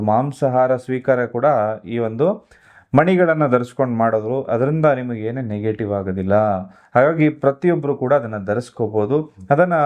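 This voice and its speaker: A man's voice: medium pitch, narrow, tinny audio. A man, an astrologer guest giving earnest, instructive advice on remedies in an interview. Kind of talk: advisory explanation of remedies.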